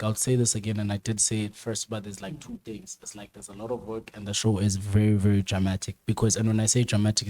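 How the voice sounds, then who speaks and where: Lower-voiced man, repeating himself. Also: warm tone. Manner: repetitive, restarts phrases, emphatic slang. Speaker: guest, camera operator. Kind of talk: casual chat.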